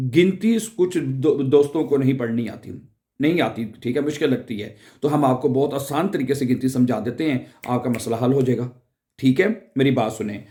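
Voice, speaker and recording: A man's voice: medium pitch, a little mellow. Patient man teaching. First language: Urdu. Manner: patient, repeats words slowly and asks the listener questions. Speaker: language teacher. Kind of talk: casual spoken lesson.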